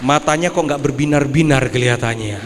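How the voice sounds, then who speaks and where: A young man preaching a sermon as pastor, animated, swinging from quiet asides to shouted high points. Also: a little fast, a faint crowd, a little hiss or hum. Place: church hall. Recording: long hall reverb.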